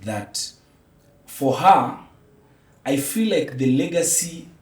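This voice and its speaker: A Kenyan-accented man, a theatre practitioner appearing as a podcast guest, reflects emphatically and philosophically while switching between English and Swahili. His slightly high voice is expressive and slow. The sound is roomy and echoey, with him distant from the mic.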